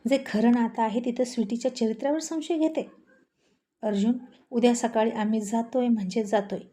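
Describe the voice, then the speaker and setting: Furious hot-tempered young husband, as a woman narrator puts him on, scolding, fairly high voice, mellow tone, storybook drama. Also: steady tone, moderate pace, natural voice. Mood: angry. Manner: shouting, scolding.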